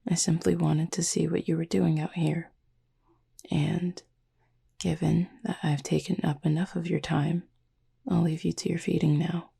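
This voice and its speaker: In a soft-spoken roleplay sleep-aid audio, a woman voices a calm, formal cupid demon roommate with horns, her low voice husky, breathy and gravelly. The performance is heavily acted with a level tone and a gently curious mood, her speech formal, measured and softly teasing.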